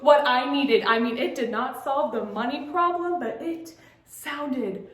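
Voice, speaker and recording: A teenage girl with a high voice performs a dramatic monologue for competition. She moves from bright, playful storytelling to hushed, fearful passages. The sound is roomy and echoey. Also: measured pace. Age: teens. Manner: shifts between bright storytelling and hushed dread. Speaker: student competitor.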